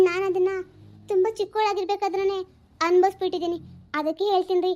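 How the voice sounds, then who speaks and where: A woman playing a worried young mother who pleads and frets in a homemade family drama. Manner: tearful, pleading, high and thin. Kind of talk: amateur audio family drama.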